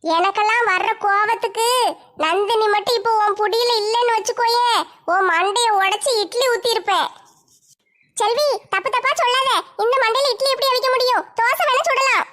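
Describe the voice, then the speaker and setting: Very high shrill scolding woman. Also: normal speed, a bit bright. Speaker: comic sketch performer. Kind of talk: village comedy sketch acting.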